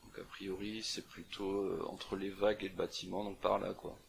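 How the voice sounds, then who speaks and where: A man's voice: sits low, level tone, normal speed, gravelly, slight background noise. A young man casually talking through a map puzzle on screen, thinking aloud with many fillers and restarts. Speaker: CTF walkthrough presenter. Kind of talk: casual screen-recorded walkthrough.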